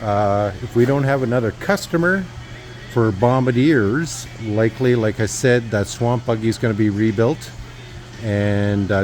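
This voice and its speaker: A man's voice: fairly low pitch, a little mellow. A man giving a casual walkthrough of a repair shop, rambling with lots of uhs and restarts. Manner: rambling, filler-heavy, with restarts. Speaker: vlogger giving a shop update.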